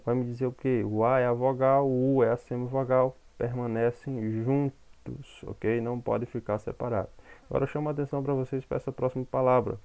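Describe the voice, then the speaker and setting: A man's voice: medium pitch, gravelly, mellow. A man teaching a grammar lesson, explaining step by step and checking in with the class.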